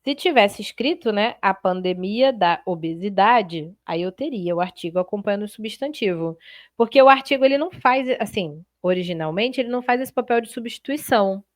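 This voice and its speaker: A woman teaching Portuguese in a live online exam-prep class, chatty and lively, talking straight to her students and checking in often. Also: medium pitch, fairly quick, no room sound, studio quality.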